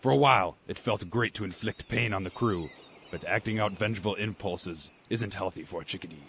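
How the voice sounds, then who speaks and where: A boastful chickadee ghost pirate, played by a man in a radio skit, growling pirate talk. His voice is low and gravelly. The recording is lo-fi, with faint noise behind him. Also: fairly quick, fairly bright tone.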